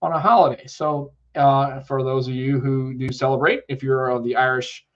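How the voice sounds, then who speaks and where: On a lo-fi live tech podcast, a US co-host nursing a cold speaks at medium pitch with a flat delivery and normal speed. He rambles in a chatty way and reads out chat comments.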